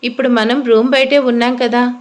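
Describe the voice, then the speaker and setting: A woman's voice: fairly high pitch, flat delivery, moderate pace, close to an everyday voice. Brief: smug teasing young husband, read by a woman narrator.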